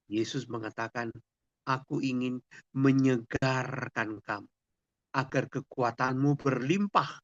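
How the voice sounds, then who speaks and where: A man, a priest, telling a saint's story in a slow, storytelling homily. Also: medium pitch, fairly bright tone, dry recording, highs cut off. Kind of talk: sermon.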